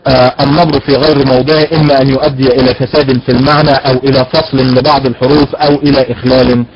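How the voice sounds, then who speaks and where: A man's voice: mid-range voice, flat delivery, crowd noise. Man teaching recitation, lo-fi. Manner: slow demonstrations of word stress contrasted with brisk explanation; asks rhetorical questions and answers them himself. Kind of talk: recorded lecture. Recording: dull lo-fi recording.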